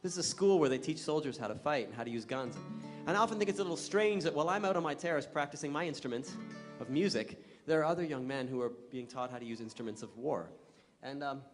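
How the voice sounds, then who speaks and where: A man, a singer-songwriter, chatting and joking with a live audience between songs, drawing in the children in the crowd. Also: medium pitch. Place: performance hall with an audience. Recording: long hall reverb with guitar music. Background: guitar.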